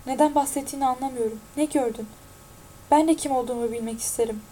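A woman's voice: sits high, quick pace, mellow, a little hiss or hum, natural voice. A woman reading the lines of a confused, frightened teenage boy who keeps asking anxious questions.

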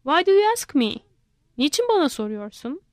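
A woman's voice: sits high, sing-song, normal speed, no echo, clean studio sound, voice pushed up. Woman doing a nagging mother monkey. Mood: scolding. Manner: nagging, complaining. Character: scolding overworked mother monkey.

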